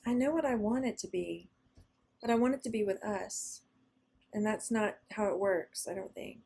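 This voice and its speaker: A woman co-hosting a casual spiritual podcast, telling stories animatedly and often pausing to search for words. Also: mid-range voice, gravelly, darkish tone, husky. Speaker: podcast co-host.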